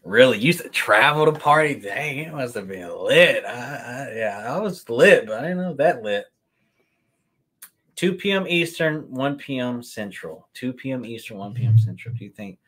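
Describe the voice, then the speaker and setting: At a moderate pace and medium pitch, a man from Kentucky chats his way through a sneaker livestream. Surrounded by shelves of sneakers indoors, he stays laid-back and talkative, replying to chat comments on the spot.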